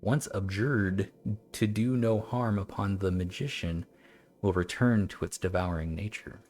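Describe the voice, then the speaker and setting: A man streaming a game, chatting and reading old-style text aloud in a halting, stumbling way, laughing at himself. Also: deep voice, darkish tone. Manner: self-mocking, laughs often. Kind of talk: let's-play commentary with reading aloud.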